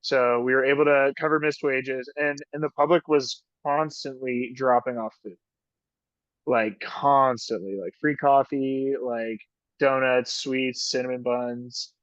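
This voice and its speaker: A man's voice: medium pitch, fairly even intonation, unhurried, a bit bright, smooth, no echo. A man and ski patroller in a casual interview, rambling with many fillers and frequent laughs. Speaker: ski patroller and union officer. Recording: dull dry lo-fi call audio.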